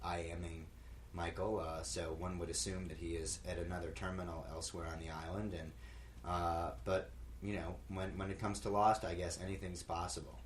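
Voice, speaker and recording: A man with a very deep voice co-hosts a casual podcast and a faint hiss sits under him. He answers listener questions slowly and thoughtfully, hesitating often and landing dry quips. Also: flat delivery. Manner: thoughtful, hesitant with many fillers, dry humor. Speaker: podcast co-host.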